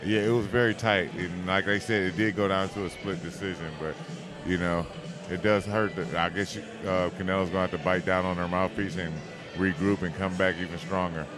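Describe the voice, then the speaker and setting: A man with an American accent doing live boxing commentary, enthusiastic and quick to agree. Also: deep voice, steady tone, a crowd in the background. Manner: enthusiastic, agreeable, repeats 'absolutely'.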